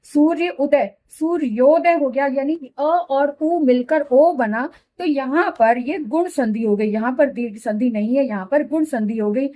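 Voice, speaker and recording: A middle-aged woman with a high voice explains grammar to her students. She is patient, goes through each example slowly and repeats it. She keeps checking that they follow along. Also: mellow. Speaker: Hindi grammar teacher. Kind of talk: classroom explanation.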